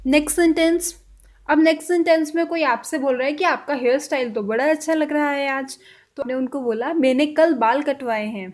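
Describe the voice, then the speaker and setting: Language teacher: woman, high pitch, slow careful repeats of example lines. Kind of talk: spoken language lesson.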